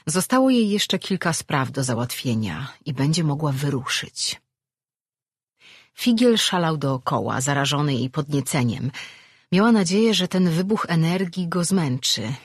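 Audiobook narrator reading steady, a bit husky, dry close mic. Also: medium pitch, dry recording. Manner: steady, measured storytelling.

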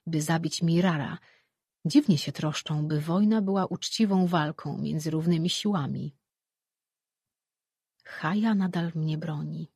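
An audiobook narrator reading a fantasy novel in an even, steady storytelling manner. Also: mid-range voice, slightly rough, dry recording, clean studio sound.

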